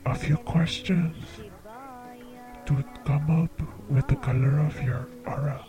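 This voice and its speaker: A man hosting a comedic call-in show as a psychic, speaking in a slow, soft-spoken, earnest way. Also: a little high, fairly even intonation, over music, low-quality recording. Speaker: psychic radio show host.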